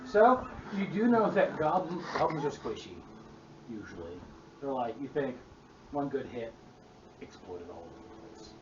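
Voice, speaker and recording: A man running a tabletop role-playing game as game master, describing the scene in a relaxed, casual way. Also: medium pitch, moderate pace. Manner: relaxed, casual, laughs often. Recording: echoey room, distant dull mic, noisy.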